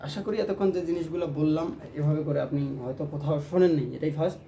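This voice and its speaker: A man's voice: on the high side, rapid-fire, slight background noise. A man teaching a ukulele lesson, explaining strums and chanting rhythm syllables as he plays. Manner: counts strums and chants rhythm syllables aloud while playing. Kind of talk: music lesson. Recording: loud plucked strings under the voice.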